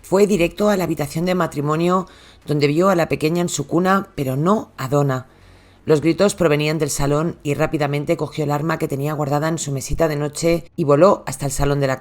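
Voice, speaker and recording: A true crime host with a Spain Spanish accent giving a scripted narration, dropping the voice low on tense details.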